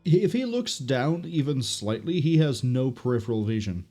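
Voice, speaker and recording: Mellow man doing casual gaming commentary. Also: mid-range voice, very animated, normal speed, faint music behind. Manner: playful, wry asides. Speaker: gaming streamer.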